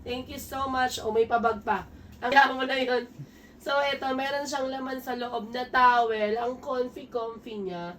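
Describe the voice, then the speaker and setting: A hoarse woman, chatting casually as a vlogger while unboxing gifts at home, switching between English and Tagalog. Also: a little high, fairly even intonation, a little slow. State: hoarse from a sore throat. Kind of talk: casual gift-unboxing chat. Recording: distant mic, faint room noise.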